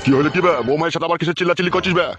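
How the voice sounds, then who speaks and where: A man voicing a gruff older father in a comic cartoon, crude and bossy. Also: a little high, steady tone, rapid-fire, lo-fi sound, music in the background, natural voice.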